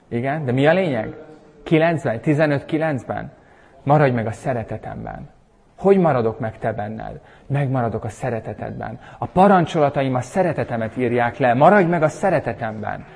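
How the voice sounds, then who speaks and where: A man preaching a sermon and leading a prayer, emphatic and animated, with sudden loud bursts. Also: mid-range voice. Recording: husky voice in a long-reverb hall.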